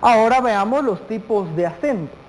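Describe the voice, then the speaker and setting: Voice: medium pitch, animated, normal speed, a little hiss or hum. A teacher giving a televised classroom lesson, speaking straight to the students, posing questions and stretching out key words. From Guatemala. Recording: long hall reverb.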